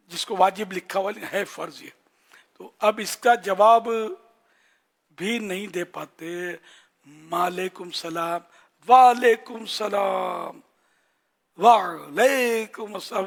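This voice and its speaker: An older man gives a religious talk in a Pakistani Urdu accent. His voice is fairly high and gravelly. He teaches in a conversational way and slows down to demonstrate phrases. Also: fairly bright tone. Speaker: religious scholar.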